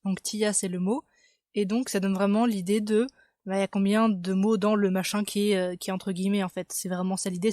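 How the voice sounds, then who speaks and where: A woman's voice: medium pitch, darkish tone, no echo, clean studio sound. A woman casually explaining the words and spelling of her invented language, chatty and full of fillers as she thinks aloud. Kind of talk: casual explanatory video lesson.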